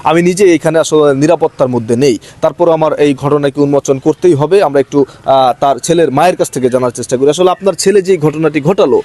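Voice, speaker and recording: A man playing a reporter, asking formal questions and trying to calm people down. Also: a little high, fast, lightly acted. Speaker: reporter in a staged news drama. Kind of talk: mock TV news reporting.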